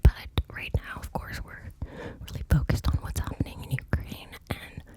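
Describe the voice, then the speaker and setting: A woman whispering into cupped hands close to the mic, ear to ear, in a hesitant, informal ASMR ramble. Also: moderate pace. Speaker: ASMR content creator. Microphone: close microphone, ear to ear.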